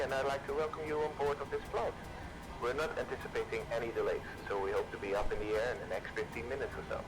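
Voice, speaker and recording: A man plays an airline captain on the cabin PA. He delivers a formal, scripted airport-style announcement at a rapid pace, addressing passengers calmly. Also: mid-range voice, natural voice, poor audio.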